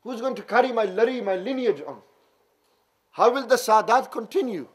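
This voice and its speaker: Brief: preacher doing a sorrowful holy father, high male voice, pleading. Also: moderate pace, slightly rough. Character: grieving holy man, father of the slain.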